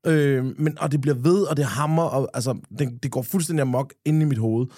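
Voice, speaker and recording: A man's voice: mid-range voice, dark tone, no room sound, studio quality. A man, co-hosting a podcast and telling rambling anecdotes, full of restarts and swearing. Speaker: podcast co-host. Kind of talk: casual chat, storytelling.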